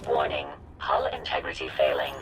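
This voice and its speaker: A man voicing a calm automated starship warning computer that gives flat, measured alarm announcements in a video game. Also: a bass voice. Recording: noisy game audio capture.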